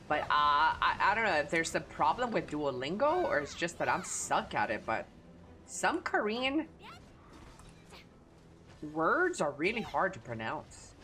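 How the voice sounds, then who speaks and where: Speaking low with big pitch swings, this woman keeps a measured pace and a sharp tone. She's streaming a game and chatting casually with viewers in a Texan Southern accent, laid-back but crude and profane.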